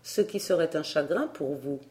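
A woman reading the lines of a serene fairy governess in a storybook, in a calm, measured way. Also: low-pitched.

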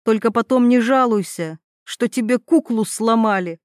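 A tough young woman snaps back with blunt, hoarse threats, as a woman narrator puts her on. Her voice sits high, and the audiobook recording is dry and close. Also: normal speed, dry recording, close to an everyday voice. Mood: fierce angry.

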